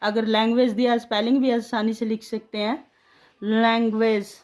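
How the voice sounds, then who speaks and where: A woman's voice: fairly high pitch, flat delivery, a little mellow. A woman teaching spelling, sounding words out letter by letter and syllable by syllable. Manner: slow, drawn-out syllable-by-syllable dictation.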